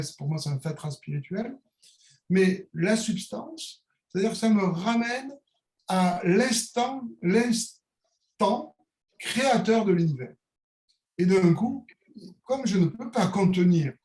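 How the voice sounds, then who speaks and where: A man's voice: high-pitched, darkish tone, roomy sound. A middle-aged man with a Niçois accent talking in a searching, philosophical way, with many hesitations and restarts. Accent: Niçois French. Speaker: calligrapher, interview guest. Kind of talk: reflective conversational monologue.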